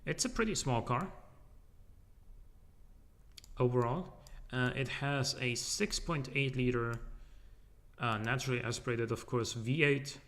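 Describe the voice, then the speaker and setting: A man's voice: medium pitch, a little slow, pauses often, fairly bright tone. A man streaming a game in loose, rambling casual commentary, his voice echoing in a large, empty living room. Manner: rambling, loose and joking, with many fillers. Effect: echo from a large empty room.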